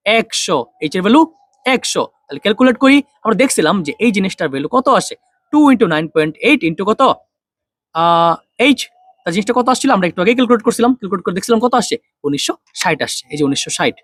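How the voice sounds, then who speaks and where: Fast-talking young male physics tutor. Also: high voice, animated, fairly bright tone, no room sound. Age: young adult. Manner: quick, drills students with repeated questions and answers. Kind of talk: online physics lesson.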